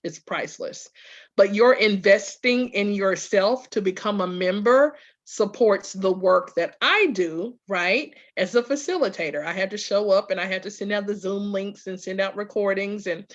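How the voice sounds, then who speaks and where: A woman with a Southern US accent and a middle-pitched voice talks informally to her followers. She is emphatic, builds repeated lists and keeps checking that listeners follow. The sound is dull and lo-fi, like online audio. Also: normal speed. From Louisiana, USA. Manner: emphatic, repetitive lists, checks in with "okay" and "right". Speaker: spiritual group facilitator and host. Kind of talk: informal promotional talk to followers.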